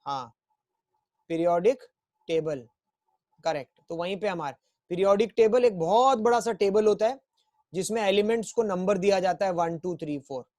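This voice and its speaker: A male teacher leads an online class, repeating himself often and drawing out memory chants syllable by syllable to coax his pupils along. His voice sits at an ordinary pitch. The recording is dry and close, with no room sound. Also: a little mellow, no echo. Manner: repetitive, coaxing, chants memory rhymes slowly. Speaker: school chemistry teacher.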